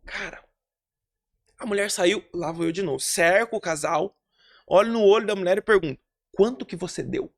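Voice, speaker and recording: A man, a pastor, telling a testimony story in a lively, animated way. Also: sits high, moderate pace, pauses often.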